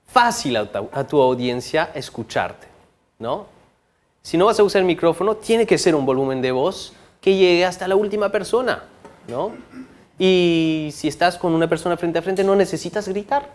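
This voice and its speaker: A man with a slightly higher voice teaches a public-speaking lesson. He talks in a lively, theatrical way, shifting his loudness for effect and constantly asking his listeners to confirm. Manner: animated, frequent tag questions, varies loudness for effect. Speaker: course instructor. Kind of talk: recorded lecture on public speaking.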